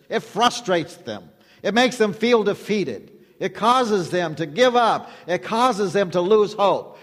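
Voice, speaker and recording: A man preaching a sermon emphatically, repeating phrases and drawing the congregation into call-and-response. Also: high-pitched. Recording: long hall reverb.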